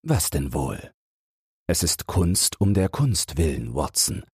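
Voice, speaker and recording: A man reading the part of Sherlock Holmes, a keen analytical detective, in a measured way for a sleep audiobook. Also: sits low, big pitch swings, a little mellow, slightly rough, no room sound, clean studio sound, exaggerated voice. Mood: reasoning. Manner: measured, reasoning aloud.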